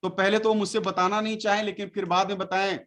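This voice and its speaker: A man's voice: sits high, little pitch movement, fast talker, fairly bright tone. A man who leads a network marketing team gives a motivational speech to a meeting. He exhorts and scolds his listeners with a stream of rhetorical questions.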